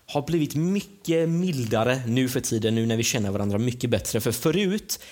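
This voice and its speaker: A man's voice: mid-range voice, expressive, a little mellow. A young man co-hosting a casual podcast chat, slangy and defensive, repeating words and calling his partner bro. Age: young adult. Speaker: podcast co-host.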